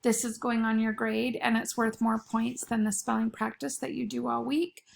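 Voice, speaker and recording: Dictating a spelling test, this woman, an elementary school teacher, separates each word with care and repeats it. She speaks at a normal speed in a creaky, higher-pitched voice with little rise or fall.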